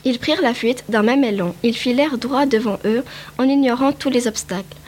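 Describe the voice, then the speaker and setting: Woman narrator, picture-book read-aloud, careful pace, slightly high. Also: brisk, darkish tone, slight background noise. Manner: careful reading with small slips.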